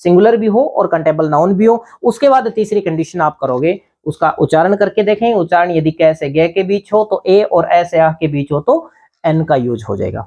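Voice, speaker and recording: A man's voice: high voice, animated, moderate pace, mellow. Guy teaching grammar class, asks his own questions then answers em, keeps checking "thik hai na". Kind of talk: grammar lesson.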